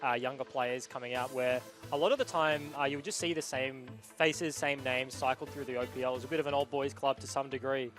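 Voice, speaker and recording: A man's voice: medium pitch, steady tone, fairly quick, hardly any pauses, over music. A man giving casual esports commentary and analysis as a caster, informal and chatty in his delivery.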